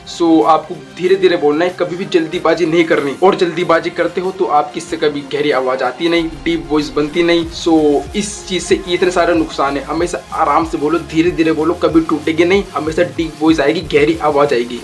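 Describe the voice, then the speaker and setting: Young man giving voice tips, light music. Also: a little high. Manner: instructive, repetitive, mixes English phrases. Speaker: voice coach YouTuber. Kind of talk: casual tutorial.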